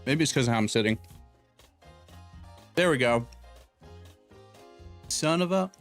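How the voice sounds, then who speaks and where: A man's voice: medium pitch, expressive, measured pace. A young adult man hosting a casual live stream, joking and reading out viewer names and donations at a desk mic in a home room. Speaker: streamer host. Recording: faint background music. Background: background music.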